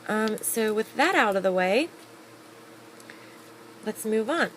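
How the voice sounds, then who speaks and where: At home, a beauty vlogger chats casually into her camera, upbeat and animated, drifting through fillers while reviewing products. Her middling-pitched voice has a fairly bright tone and a slow pace. The recording is rough, with a faint hiss underneath.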